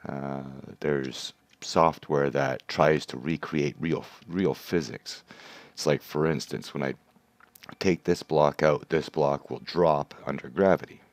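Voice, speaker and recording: A man's voice: very deep voice, steady tone, slow, dry recording. A man hosting a livestream, chatting casually and explaining game mechanics step by step. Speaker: livestream host. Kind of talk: casual gameplay commentary.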